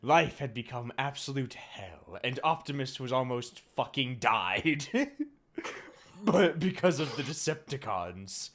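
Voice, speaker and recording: A man co-hosting a comedy show, reading fan fiction aloud haltingly with restarts and swearing. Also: medium pitch, expressive, a bit bright. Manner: reads haltingly with restarts, swears, breaks into laughter.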